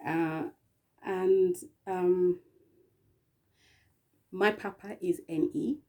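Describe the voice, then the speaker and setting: An English woman speaking in a slow, meandering spiritual monologue, often spelling out letters and pausing with little laughs. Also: fairly low pitch, fairly even intonation, darkish tone. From England.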